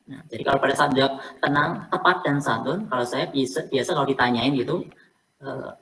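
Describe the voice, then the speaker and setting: A rumbling low female voice, a little fast, talks teachers through selection interview prep in an informal online coaching session, repeating her key points as she goes. A crowd can be heard behind her, and the recording carries faint noise with the mic somewhat distant.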